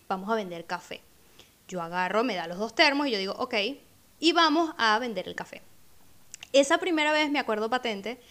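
A woman with a fairly high voice tells a personal story on her podcast in a reflective, conversational tone. She slips into the voices of the people in her memories, acting out what they said. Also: a bit bright. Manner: conversational, acts out remembered speech. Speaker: podcast host.

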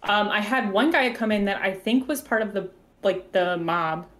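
A woman guesting on a podcast, chatting in a relaxed way and pausing often to search for words. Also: mid-range voice. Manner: relaxed, halting with fillers. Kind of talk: casual chat.

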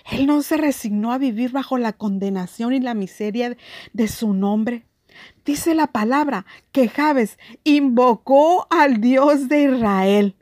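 Female preacher, high and unhurried, earnest sermon, dry close sound. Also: a little mellow, no echo. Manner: earnest, emphatic preaching with scripture readings. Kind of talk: devotional sermon.

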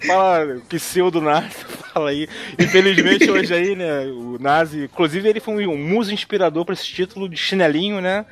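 A man with a high, somewhat bright voice speaks at normal speed with a Brazilian Portuguese accent. He hosts a casual football podcast, joking around in colloquial speech packed with tag questions.

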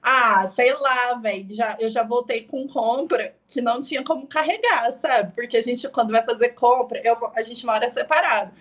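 A woman's voice: a little high, moderate pace, hardly any pauses, fairly bright tone. A young adult woman co-hosting a podcast in casual chat, playful and self-mocking, laughing often. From outside Belo Horizonte. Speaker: podcast co-host.

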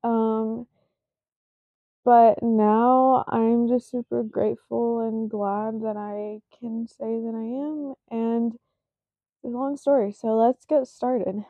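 A slightly high-voiced woman in her twenties speaks with flat delivery on her own casual podcast. She drifts along slowly, self-conscious and heavy on fillers, yawning as if half asleep. The sound is dry and tinny, much like a phone.

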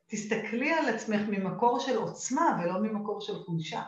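A woman's voice: medium pitch, animated. A woman with an Israeli accent coaching in a live session, emphatic and often checking in with short questions. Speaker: coach and course teacher leading a live session. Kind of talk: live coaching talk, questioning and addressing listeners. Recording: dull lo-fi, echoey room sound.

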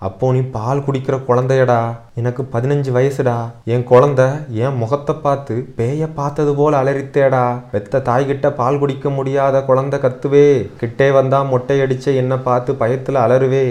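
A man's voice: mid-range voice, fairly even intonation, normal speed, darkish tone, voice pushed up, close to an everyday voice. A man voicing a grieving elderly grandmother, fierce yet tender, in a raised, pleading and scolding voice for a dramatic story reading. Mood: tearful pleading.

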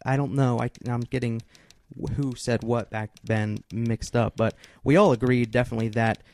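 A man's voice: medium pitch, fairly even intonation, moderate pace, darkish tone. A man co-hosting a casual podcast, hesitantly thinking aloud and restarting his sentences. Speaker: podcast co-host. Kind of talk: casual chat.

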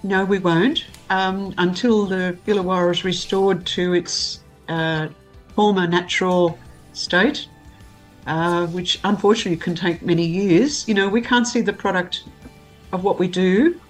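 An Australian woman giving measured, explanatory answers as a volunteer guest in a conversational interview. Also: fairly low pitch, steady tone, soft background music, low-quality recording.

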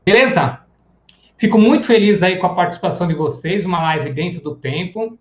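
Man with a high voice, lecturing casually on psychology in a live stream. Echoey room, dull lo-fi sound. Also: expressive, a little fast. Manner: casual and chatty, acting out everyday examples. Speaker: psychoanalysis teacher.

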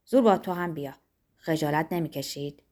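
A stern, persuasive man who steps between two rivals and coaxes them to shake hands, his voice low and firm, as a woman reading a storybook voices him. He scolds, reasons and soothes by turns. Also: warm tone, close to an everyday voice. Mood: stern coaxing.

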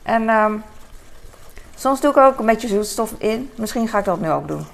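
A woman's voice: a little high, expressive, fast talker, gravelly, a little hiss or hum. A young woman chatting casually while cooking at home, rambling and laughing at herself, with many fillers and English phrases thrown in. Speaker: vlogger. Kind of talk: casual cooking vlog chat. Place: home kitchen.

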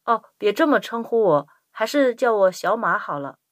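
Woman doing polite young intern lady in a scripted lesson dialogue, mid pitch, dry recording. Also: sing-song, moderate pace, dry recording. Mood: polite, welcoming. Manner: polite, courteous. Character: polite young Chinese American woman intern greeting a visitor.

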